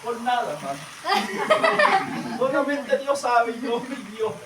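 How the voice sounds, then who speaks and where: A man preaching a sermon and telling a testimony, swinging between loud emphatic bursts and low hushed storytelling. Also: expressive, measured pace. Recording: echoey room, distant mic, noisy.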